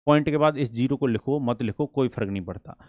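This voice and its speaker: A man teaching a maths lesson for exam prep. He asks the class questions and answers them himself, and he reads problems slowly and deliberately. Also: medium pitch, darkish tone, dry recording.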